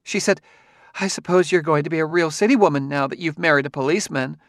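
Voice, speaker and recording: A man's voice: on the high side, fast talker, no echo, clean studio sound, pitched above the performer's own voice, natural voice. A man voicing a rambling anxious wife. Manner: rambling, circuitous, raised voice. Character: anxious chatty middle-aged wife. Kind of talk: audiobook reading.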